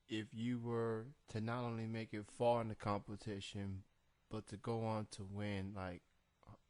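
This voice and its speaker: A man hosting an unscripted interview in a halting manner with drawn-out pauses. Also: on the low side, a little mellow. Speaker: interview show host. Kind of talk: unscripted radio-style interview.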